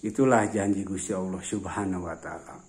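A man's voice: low-pitched, steady tone, a little fast, darkish tone. A man from Banten, presenting prize items in a casual, itemizing walkthrough. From Banten, Indonesia. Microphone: handheld phone behind camera. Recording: noisy phone recording with room ambience.

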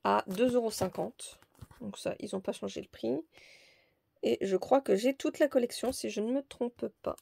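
A woman's voice: fairly high pitch, normal speed, vocal fry, darkish tone, breathy edge. A woman presenting a crafting haul in a casual, hesitant, chatty way with many fillers. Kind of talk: casual show-and-tell haul.

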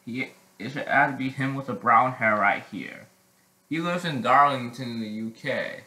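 A teenage boy chatting casually in a vlog, halting with many restarts and frequent throat clearing. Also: mid-range voice, bright, forceful tone, echoey room, low-quality recording. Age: teens. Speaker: vlogger.

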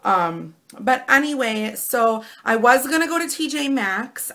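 A woman in her thirties with an American Midwestern accent and a raspy voice, chatting casually and in a rambling way to camera as a vlogger. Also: medium pitch, bright, forceful tone.

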